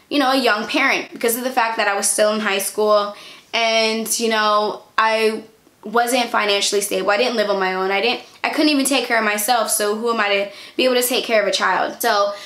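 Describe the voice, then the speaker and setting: A young woman with a fairly high voice talks casually, as if in a storytime vlog. Her delivery is chatty and candid, loosely phrased and informal. The recording is roomy, with audible echo around her voice. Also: a bit bright. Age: young adult. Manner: chatty, candid, informal with frequent "like" and "you know". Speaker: vlogger. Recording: echoey, roomy sound.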